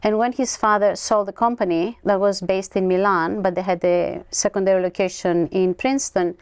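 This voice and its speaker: A woman's voice: mid-range voice, moderate pace, smooth, no echo. A woman in her sixties from Greece with a Greek accent, a chatty guest telling stories in a studio interview. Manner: chatty, expressive storyteller. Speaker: guest, winery co-owner. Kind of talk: conversational interview.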